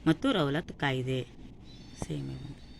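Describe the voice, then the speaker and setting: A woman with a North Karnataka accent reads exam questions and answers one by one, like a teacher. Her voice is very deep and gravelly, her pace slow, with a faint hiss or hum on the recording. The delivery is instructional, going through the answers item by item.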